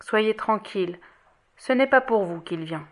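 A woman voicing a gentle, calm middle-aged man in an audiobook, speaking softly and steadily. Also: mid-range voice, moderate pace, a little hiss or hum, close to an everyday voice. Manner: soft, calm, quiet. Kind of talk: audiobook reading.

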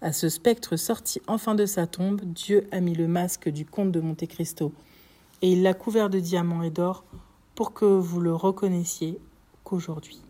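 Implacable avenging count, solemn and deliberate, mellow low tone, as a woman narrator reads him. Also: fairly even intonation. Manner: measured, solemn pronouncements. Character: vengeful disguised male count, cold and implacable. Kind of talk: audiobook reading.

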